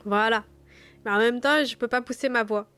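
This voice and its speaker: Hoarse woman with a southern French accent. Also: fairly high pitch, normal speed, pushed and bright. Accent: put-on southern French. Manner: chatty, self-mocking. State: hoarse, broken voice after illness. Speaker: game master. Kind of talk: casual live-stream chat. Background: background music.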